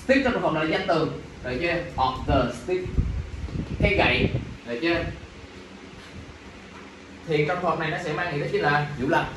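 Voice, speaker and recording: A male teacher fires quick questions at his students during an exam review, checking in after every point. His voice is a little high and a bit bright, with a strong room echo, captured from some distance alongside faint background noise.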